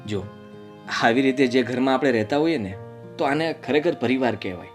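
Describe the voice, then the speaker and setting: An actor playing a calm young husband and brother who reasons with his family in a gently firm way, in a family drama. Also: mid-range voice, brisk, faint music behind, natural voice.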